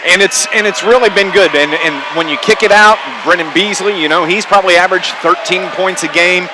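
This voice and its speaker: A high-pitched man calls a basketball game on live radio a little fast, in clipped running phrases. As a play-by-play announcer on a noisy live gym broadcast, he's backed by gymnasium ambience and bouncing basketballs.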